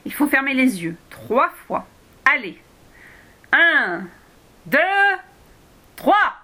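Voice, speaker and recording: A woman's voice: high-pitched, very animated, extremely slow, bright, forceful tone, breathy edge, voice pushed up, full character voice. A woman voicing a bold, eager young schoolgirl in a read-aloud storybook.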